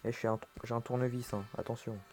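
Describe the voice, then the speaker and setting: A man's voice: medium pitch, little pitch movement, quick pace, a little mellow, faint music behind. A man giving casual horror game commentary, reacting aloud like a jumpy, scared streamer and talking to the game as he plays. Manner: talks to the game's objects and characters.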